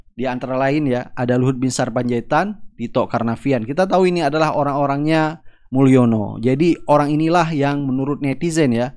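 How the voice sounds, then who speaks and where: A man's voice: medium pitch, darkish tone. A man giving political commentary to viewers, often adding "ya" to the ends of his phrases. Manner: adds "ya" to phrases, talks to viewers.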